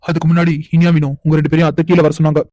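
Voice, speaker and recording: A woman plays a young man in a cartoon who teases and probes without raising his voice. The voice sits low and flat, with a dark, mellow tone, and the lines come out fast and unhurried at once. The sound is dry and close, with no room around it. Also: no echo, close to an everyday voice. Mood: probing. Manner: unhurried, probing, quietly insistent. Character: calm teasing young man, a boss-like "sir". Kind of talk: animated cartoon dialogue.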